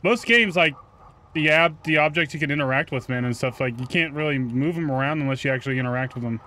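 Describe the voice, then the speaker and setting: Speaking fast in a pushed, bright, fairly high voice, this gaming YouTuber curses and chats back at the game's characters. His slangy, laid-back commentary sits over video game music, with a faint hiss or hum in the recording.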